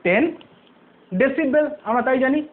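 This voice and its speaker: High-voiced male teacher on tinny audio. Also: animated, moderate pace. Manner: asks rhetorical questions and answers them himself; repeats key terms, patient step-by-step explaining. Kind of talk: online physics lesson.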